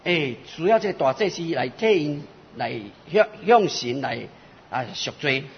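A man preaching a sermon in short phrases, pausing for interpretation, in a church hall. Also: fairly high pitch, animated, slight background noise. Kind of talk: sermon in Taiwanese Hokkien. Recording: lo-fi recording with long hall reverb.

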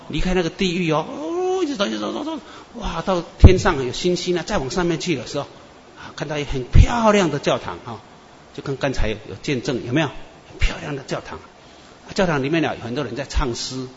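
A man preacher, telling dream testimonies in an animated storytelling sermon. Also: on the high side, slight background noise. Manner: animated storyteller, many "啊" and "哈" tags. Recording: echoey muffled hall with faint ambience.

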